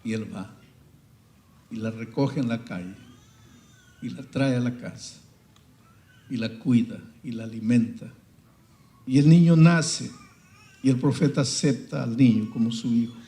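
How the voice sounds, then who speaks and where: A man preaching a sermon, swinging dramatically between hushed and loud passages. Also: mid-range voice, a little slow, long pauses, roomy sound.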